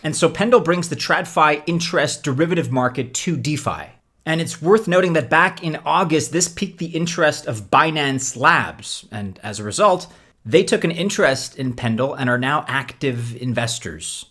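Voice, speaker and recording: A man's voice: fairly high pitch, animated, moderate pace, fairly bright tone. A man hosting a scripted explainer video, speaking like a presenter with conversational, casual asides. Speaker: host of a crypto investing video.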